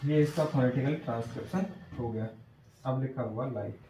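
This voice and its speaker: A male teacher giving a classroom lesson on phonetic transcription, slowly sounding out words and often checking whether students follow. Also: mid-range voice, mellow, slight background noise. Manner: slow, repeats sounds and checks understanding often. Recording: echoey room from far off.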